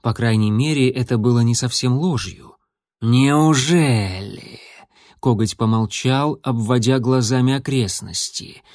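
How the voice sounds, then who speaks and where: A man reading a children's adventure story aloud in a steady, expressive narration. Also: medium pitch, normal speed, hardly any pauses, dry recording, studio quality. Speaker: audiobook narrator.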